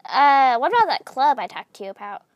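Woman as impish young dragon, lively high voice, dry close sound. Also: a little fast, dry recording, highs cut off. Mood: playful. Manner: silly, says "blep" a lot. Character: mischievous little female dragon, playful.

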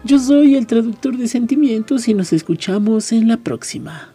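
A man hosting a radio program, reading a novel aloud in a calm, measured way. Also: very high-pitched, faint music behind. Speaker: radio host and reader.

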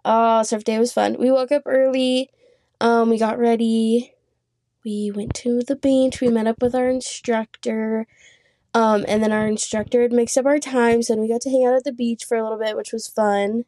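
Chatty young woman, mellow voice. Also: a little high, level tone, normal speed, dry recording, studio quality. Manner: chatty, laughs often, says "like" a lot. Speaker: podcast co-host. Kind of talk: casual chat.

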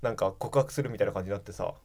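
A man's voice: lowish voice, very fast, a little mellow. A young man telling a rambling, funny story in casual free talk, laughing as he goes and acting out the lines he quotes. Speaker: podcast co-host.

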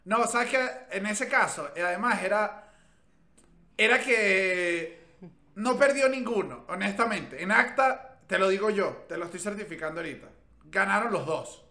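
Man, Venezuelan Spanish accent, rambling casual podcast chat, high bright voice, echoey room. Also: expressive, moderate pace. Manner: chatty, rambling with restarts. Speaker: podcast co-host.

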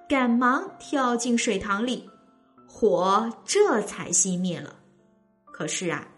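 A woman's voice: on the high side, fairly bright tone. A woman narrating a children's story expressively, speaking directly to young listeners.

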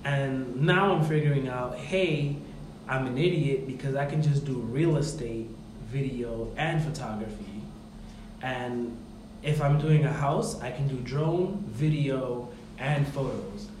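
A man's voice: mid-range voice, measured pace, darkish tone. Man chatting in a big echoey room. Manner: informal, filler-heavy, rambling explanations. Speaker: podcast host. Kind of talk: casual podcast chat. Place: reverberant indoor room with big echo. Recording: echoey reverberant room, clear background noise.

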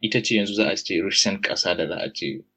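A man's voice: deep voice, fairly even intonation, quick pace, sharp tone, slightly rough. A man with a Nigerian Hausa accent talking in a casual discussion, explaining points while mixing Hausa and English.

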